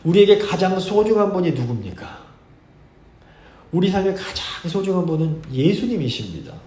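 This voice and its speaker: A male pastor giving a sermon, earnest and measured, reading scripture slowly for emphasis. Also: sits high, very animated, dark tone, roomy sound. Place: church sanctuary.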